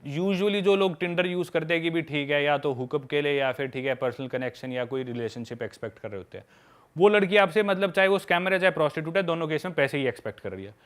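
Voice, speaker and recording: A man's voice: fairly high pitch, quick pace. A young man, a podcast guest who makes travel videos, chatting casually and frankly as he tells stories from his trips. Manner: lively, frank, addresses listener as brother. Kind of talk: casual storytelling chat.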